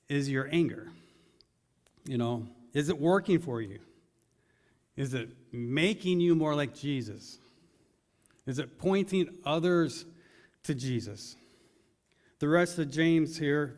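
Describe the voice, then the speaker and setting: A man preaching a sermon in a casual, conversational way, putting question after question to his congregation. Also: on the high side. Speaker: pastor. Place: large church hall. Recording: long hall reverb.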